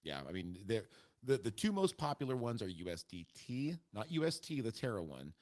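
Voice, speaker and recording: A man's voice: lowish voice, very animated, a little fast, darkish tone. A man co-hosting a casual podcast, explaining crypto with repeated stammered starts. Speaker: podcast co-host.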